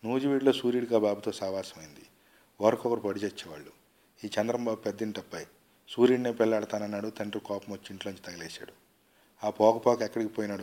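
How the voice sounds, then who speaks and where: A man's voice: fairly low pitch, fast, mellow, close to an everyday voice. A man voicing a poor, humble old village father in a read-aloud story, with a deferential way of speaking. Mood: weary. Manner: deferential, pleading.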